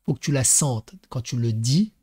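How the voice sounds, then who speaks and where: A man commenting comically on a parenting text he reads aloud, with animated, crude talk and mock acting mixed in. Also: medium pitch, moderate pace, breathy edge. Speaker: YouTube commentator.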